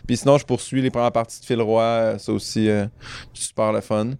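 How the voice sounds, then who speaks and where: A Québécois comedian chats on a podcast with dry asides. His voice is smooth and clean. The sound is close and dead, with no room echo. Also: on the low side, level tone, a little fast, darkish tone. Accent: Québécois French. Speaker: comedian guest. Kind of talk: casual chat.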